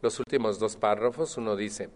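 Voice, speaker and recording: A man speaking to a support group, animated and acting out others' voices. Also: fairly low pitch, normal speed. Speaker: Al-Anon speaker. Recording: long hall reverb.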